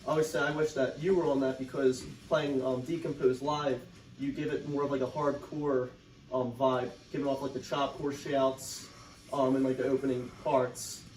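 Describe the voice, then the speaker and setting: A man's voice: mid-range voice, flat delivery, moderate pace, a little mellow, far from the mic, a little hiss or hum. Brief: male interviewer, loose chatty questions, roomy sound, off-mic. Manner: rambling, heavy use of "like" and "um". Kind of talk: casual interview.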